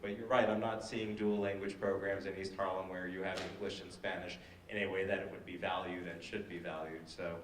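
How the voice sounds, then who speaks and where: A man's voice: low-pitched, flat delivery, brisk, hardly any pauses, recorded from a distance, slight background noise. A man speaking on a panel discussion, hesitant with many fillers and restarts. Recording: echoey hall, voice from afar.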